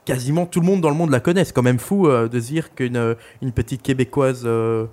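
A man's voice: mid-range voice, fairly quick, a little mellow. Young male podcast co-host, loose jokey chat, crude humor, filler-heavy rambling. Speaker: podcast co-host reviewing an album. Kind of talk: casual chat.

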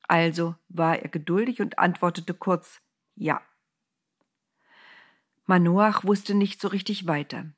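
A woman tells a Bible story for children with a playful, lively touch. Her voice sits low for a woman and has a breathy, husky edge. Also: normal speed.

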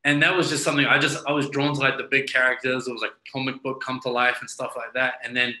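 A man with a New Zealand accent talks casually in an interview. His voice is bright and sharp with a clearly echoey room around it. He rambles, repeating phrases as he thinks. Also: medium pitch, little pitch movement, quick pace. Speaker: interview guest, professional wrestler.

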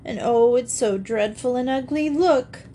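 Woman reader voicing a gentle, earnest girl, soft and near tears. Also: medium pitch, expressive, unhurried, slight background noise, close to an everyday voice. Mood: sobbing. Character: gentle, good-hearted young girl.

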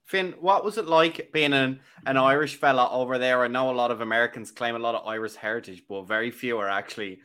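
A man's voice: mid-range voice, fast talker, few pauses, bright, forceful tone, clear, resonant tone. A man co-hosting a podcast, casually putting questions to a guest. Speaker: podcast co-host.

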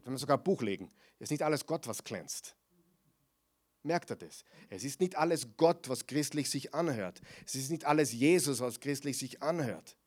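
A man preaching a sermon, often asking the congregation questions and swinging from loud declarations to quiet asides. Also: medium pitch.

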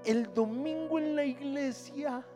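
A man's voice: very high voice, slow pace, pitched above the performer's own voice. A man playing a flustered, anxious pastor who pleads in a strained, rising voice, heard with long hall reverb and faint music. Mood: insistent pleading. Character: fretful middle-aged male pastor, anxious, pleading.

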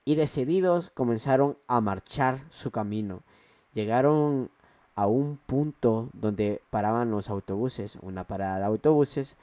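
Mellow-voiced man narrating a story. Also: mid-range voice, a little slow, no echo. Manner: plain, conversational storytelling.

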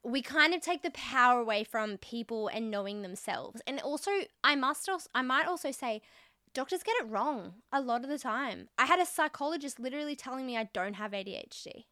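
A woman's voice: high voice, animated, a little fast, bright, forceful tone, no echo. A young woman hosting a podcast, talking candidly and casually with lots of fillers. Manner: candid and chatty, with frequent fillers. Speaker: podcast host.

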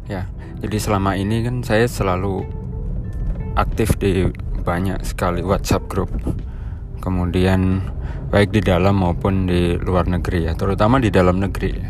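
A man with a slightly hoarse, gravelly voice, talking informally and haltingly as he explains things to colleagues on a solo podcast. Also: low voice. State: hoarse today. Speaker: podcast host.

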